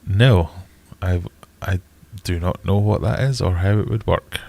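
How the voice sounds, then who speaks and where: Middle-aged British man, low-pitched and stuffed-up nose, blunt and wry livestream host, loose conversational delivery. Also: measured pace, warm tone. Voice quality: bunged-up, congested nasal voice. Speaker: livestream host answering viewer questions. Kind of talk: casual livestream chat.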